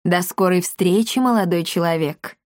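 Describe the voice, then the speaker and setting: A woman voicing a sly, pompous old man who speaks smoothly and politely. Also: lowish voice, moderate pace, no room sound, studio quality, lightly acted.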